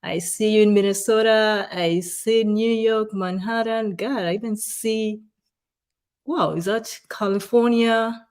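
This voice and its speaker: A woman's voice: mid-range voice, fairly even intonation, unhurried, darkish tone, clean tone. A woman with a Ugandan accent co-hosting a live webcast, chatty and upbeat, greeting viewers and reading out their comments. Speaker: webcast co-host.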